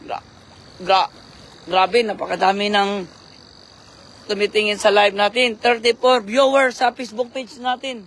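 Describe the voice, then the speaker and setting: Hoarse man live-streaming at night. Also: high voice, flat delivery, measured pace, pauses often, fairly bright tone. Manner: spells names out letter by letter for viewers. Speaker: live-stream fishing vlogger and commentator. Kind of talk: casual live-stream commentary with shout-outs. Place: outdoors at night by the water.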